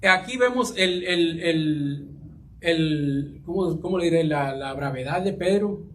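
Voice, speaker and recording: A man preaches a sermon with a voice pitched a little high. He reads scripture aloud and often stops to repeat a word as he looks for the next one. He keeps calling the congregation his brothers. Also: a little hiss or hum. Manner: halting, repeats words while searching, addresses congregation as brothers.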